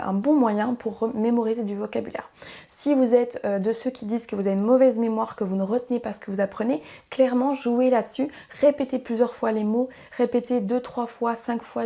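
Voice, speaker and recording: Woman teacher talking to camera, kinda high voice but soft and warm, encouraging, a few ums. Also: creaky. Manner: friendly, encouraging, explanatory with some fillers. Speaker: English teacher. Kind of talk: casual lesson to camera.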